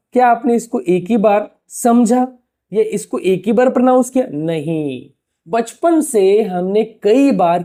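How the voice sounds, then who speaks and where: A man's voice: high voice, dark tone. A man teaching a lesson in a casual, chatty way. He asks rhetorical questions and speaks to viewers like a familiar tutor. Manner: rhetorical questions, addresses listeners as "bhaiya". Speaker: English teacher. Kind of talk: casual explanatory lesson to camera.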